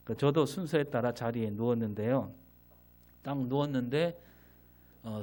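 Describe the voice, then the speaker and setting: A man's voice: medium pitch, warm tone, breathy edge. A middle-aged man preaching a sermon as pastor, asking the congregation questions and answering them himself.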